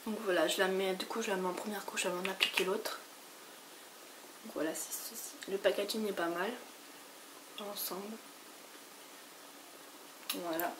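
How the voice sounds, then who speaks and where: A woman from France with a sick, hoarse voice, chatting casually through a makeup haul and rambling with lots of fillers and restarts. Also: mid-range voice. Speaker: beauty vlogger. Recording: noisy home recording.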